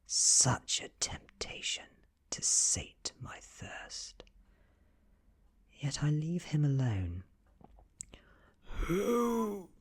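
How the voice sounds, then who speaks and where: A British male narrator gives a soft, near-whispered ASMR reading of a horror story, close to the microphone. His medium-pitched voice is husky and animated, and his pace is extremely slow.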